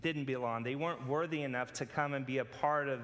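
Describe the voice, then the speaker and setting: A man from California preaching a casual sermon with a personal story, relaxed and conversational with many fillers. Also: mid-range voice, a little fast. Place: church sanctuary. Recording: long hall reverb.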